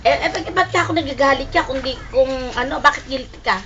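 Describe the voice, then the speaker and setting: A woman telling a lively story in a casual home video, acting out both sides of a phone quarrel as she goes. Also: high voice, quick pace, highs cut off. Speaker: storyteller recording a video message. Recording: noisy home video recording.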